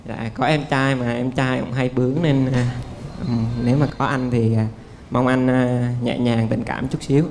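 A man's voice: mid-range voice, level tone, normal speed, darkish tone, slight background noise. Young guy speaking up for his big sister, polite, lots of ums. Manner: hesitant, polite. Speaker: contestant's younger brother. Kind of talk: introduction to the show.

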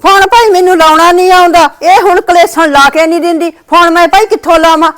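A grumbling, quarrelsome old village mother, played by a woman in a homemade family drama. Her voice is high and her words come fast and steady. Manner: complaining, grumbling.

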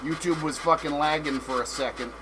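A man's voice: on the high side, steady tone, a little fast, background noise. A man chatting casually on a livestream about his grow tents, rambling, swearing constantly and laughing often. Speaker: home grow vlogger.

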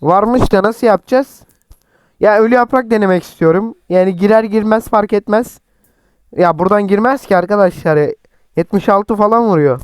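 A young man with a sore, cracking throat, chattily commenting on his own football game and yelling at his players. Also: sits high, normal speed, clean tone, no room sound. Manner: chatty, teasing, shouts at players. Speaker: mobile football gameplay streamer. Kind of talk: excited gameplay commentary.

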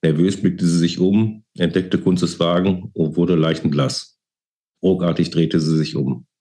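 A man, the author, giving a calm, measured reading from his novel. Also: low-pitched. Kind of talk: book reading.

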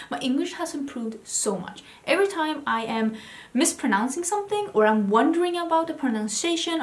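A beauty vlogger in her thirties from Sweden, with a Swedish accent, talks enthusiastically through a casual haul video in a home room with vanity lights. Her voice is on the high side, the sound roomy, and she keeps restarting words.

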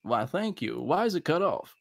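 A man doing a flustered gravelly cowboy. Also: fairly high pitch, very animated, moderate pace, no echo, clean studio sound, pitched above the performer's own voice, heavily acted. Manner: flustered, laughing, yelling when pestered. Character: bumbling cowboy outlaw in a wheelchair. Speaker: comedy podcast performer. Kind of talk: improvised Western comedy sketch.

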